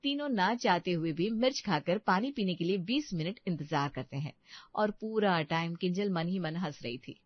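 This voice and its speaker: A woman's voice: lowish voice, animated, moderate pace, no room sound. Woman narrating a family story. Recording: dull lo-fi dry recording.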